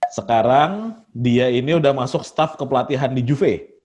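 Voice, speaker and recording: A man's voice: mid-range voice, fairly even intonation, normal speed, darkish tone. A man with in a casual podcast chat, teasing his friends and running a quiz with clues. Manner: joking, teasing, quizzes with clues.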